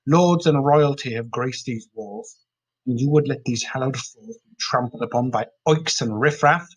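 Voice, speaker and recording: A man's voice: medium pitch, moderate pace, husky, natural voice, poor audio. A man voicing a cruel, haughty old aristocratic mother with a sneering manner, in a storybook reading.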